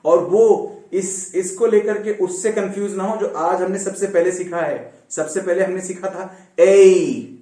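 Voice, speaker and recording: A man's voice: sits high, dark tone, distant mic. Man teaching pronunciation in an echoey room. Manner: drills sounds by repeating them slowly; mixes Urdu religious phrases into teaching. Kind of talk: online phonetics lesson.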